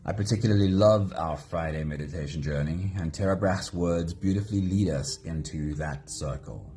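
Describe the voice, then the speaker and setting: A man hosting a live guided meditation, speaking gently and greeting viewers by name. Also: deep voice, normal speed. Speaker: meditation host.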